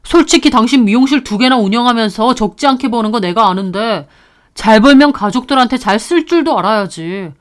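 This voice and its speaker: A cold, sneering husband, as a woman narrator plays him, speaking in a flat, belittling tone. His voice stays near the storyteller's own, with no real deepening, only a curt, dismissive edge. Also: brisk, close to an everyday voice. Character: blunt, sneering husband, a man.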